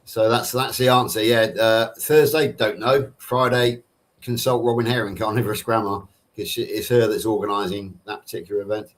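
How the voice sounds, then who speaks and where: A middle-aged man from Somerset, England, with a nondescript Southern English accent takes part in a livestream panel, chatting casually and answering viewers' questions. His voice is on the low side with a steady tone at a moderate pace, and he tends to be wordy and rephrase himself.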